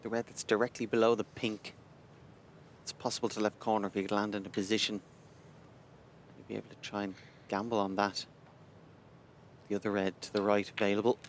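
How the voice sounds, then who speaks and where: A man giving hushed, measured snooker commentary in an understated manner. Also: fairly low pitch, little pitch movement. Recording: light noise, audience murmur behind. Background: snooker arena crowd.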